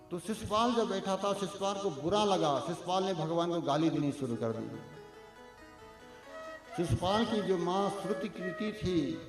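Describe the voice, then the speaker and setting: High-pitched man preaching slow, lots of echo, chants sanskrit verses. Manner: lively, calls to the crowd, chants Sanskrit verses. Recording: echoey hall with music.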